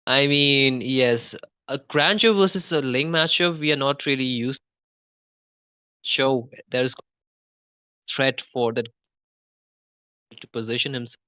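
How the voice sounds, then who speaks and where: A man's voice: medium pitch, sharp tone, clean tone, no room sound. A man commentating a live esports match, analytical and full of "you know". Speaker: esports caster.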